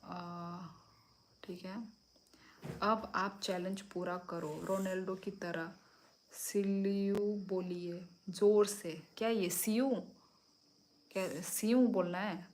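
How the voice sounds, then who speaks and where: Middle-aged woman, unhurried livestream chat, phone mic at home. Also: fairly low pitch, flat delivery, darkish tone, slight background noise. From Tripura, India. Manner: slow, easygoing, answers viewers one by one. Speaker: livestream host. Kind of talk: casual live chat reading comments. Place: home at night.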